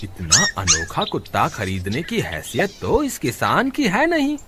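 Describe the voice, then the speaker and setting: A man's voice: mid-range voice, wildly swooping pitch, unhurried. A man voicing a greedy, scheming village thief in a children's cartoon story. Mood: curious, greedy. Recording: noisy background.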